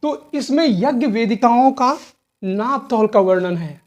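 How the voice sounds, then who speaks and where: A woman's voice: fairly high pitch, lively intonation, unhurried, darkish tone. A woman teaching a history lesson for exam preparation, with a north Indian Hindi accent. She asks questions and answers them herself, repeats key terms, and often checks in with "theek hai na". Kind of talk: exam-prep lecture.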